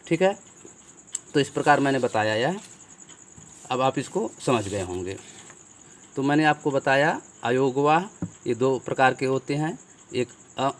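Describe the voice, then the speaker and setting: A man with an average-pitched voice teaches a grammar lesson at an easy, patient pace. He drills sounds one at a time, putting questions to his class and answering them himself. Crickets chirp faintly in the background. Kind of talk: explaining Hindi grammar lesson.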